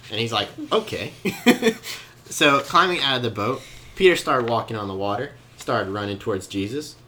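A man's voice: medium pitch, moderate pace, a little hiss or hum. A young man leading a casual Bible lesson, telling the story with jokes and laughs. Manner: joking, animated storytelling with laughs. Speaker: youth Bible study leader. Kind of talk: casual teaching.

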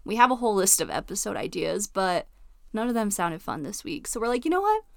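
A woman's voice: medium pitch, expressive, fairly quick, vocal fry, no echo, clean studio sound. A young woman co-hosting a podcast, chatting casually with lots of giggles and fillers. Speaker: podcast co-host. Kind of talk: casual chat.

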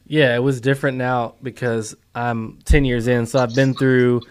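A man of about thirty co-hosting a casual interview, animated and quick to tease. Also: medium pitch, smooth. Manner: teasing, animated. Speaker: podcast co-host.

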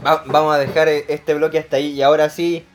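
A man with a Chilean accent, co-hosting a podcast, swearing and teasing with loud exclamations during a spicy food challenge. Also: on the high side, flat delivery, fast talker, faint music behind. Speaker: podcast co-host.

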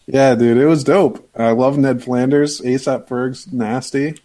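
A man's voice: mid-range voice, steady tone, takes it slowly, dark tone. A man in his twenties on a casual podcast, easygoing and slangy about music. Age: 20s. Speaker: podcast co-host. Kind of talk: casual group chat.

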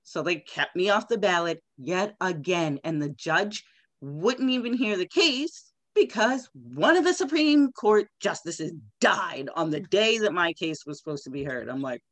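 Emphatic low-voiced woman candidate. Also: no room sound. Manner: animated, emphatic, quick bursts. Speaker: congressional candidate, guest. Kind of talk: conversational interview.

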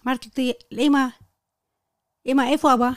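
Her voice is high and the studio recording is dry. She is a Bedouin tour guide from the Negev, Israel, interviewed in Hebrew, and she tells personal stories with animation, acting out quoted lines and slipping in her non-native grammar.

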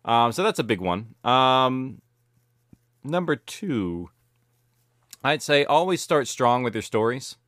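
A middle-aged man with a medium-pitched voice speaks slowly and pauses often, recorded at studio quality with no room sound. He's an audio drama producer being interviewed, chatting casually in an animated, rambling way, revising himself mid-thought and using "like" and "you know" a lot.

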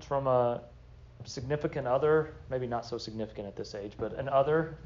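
A man's voice: high voice, lo-fi sound. A young man preaching a sermon as pastor, earnest and emphatic, repeating short phrases for weight.

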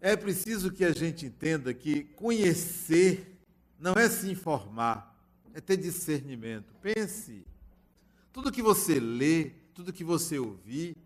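A man's voice: a little high, very animated, a little slow. An older man giving a spiritual talk, telling a family anecdote and acting out the dialogue. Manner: storytelling, acts out family dialogue.

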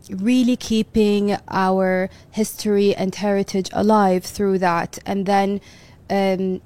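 A woman who is a guest in an interview. She speaks in a gracious, measured way. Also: mid-range voice, darkish tone. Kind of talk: interview answers.

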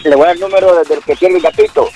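A man's voice: high voice, very animated, very fast, music in the background. A man calling in to a radio show, chatting casually. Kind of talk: casual phone-in chat.

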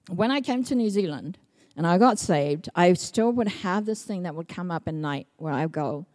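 A middle-aged woman from Samoa giving a personal testimony sermon, telling stories in a lively way and acting out quoted speech. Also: a little high. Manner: lively storytelling, acts out quotes, laughs often. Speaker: preacher.

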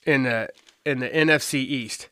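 A man's voice: mid-range voice, normal speed, bright, forceful tone, no room sound. A man co-hosting a casual sports talk show, cracking jokes and running through scores and team records. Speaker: sports podcast co-host.

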